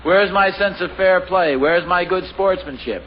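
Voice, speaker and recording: A middle-aged man with a high-pitched voice, speaking a little slowly, plays a genial, easily flustered family father in a 1950s radio sitcom, chuckling, amiable and a little bumbling. The audio is dull, a scratchy 1950 radio broadcast with hiss.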